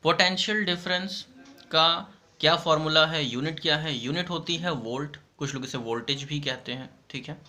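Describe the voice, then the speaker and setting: A man teaching a school science lesson, explaining patiently, mixing in English and reading textbook definitions slowly. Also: a little high, sharp tone. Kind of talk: online classroom lesson.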